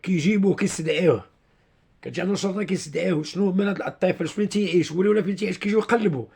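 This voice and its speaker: A high male voice with vocal fry, a slightly rough texture, and a touch of mellowness. The speaker, an online video commentator with a Moroccan accent, offers informal explanations to his followers. He stumbles, repeats himself, and gropes for words.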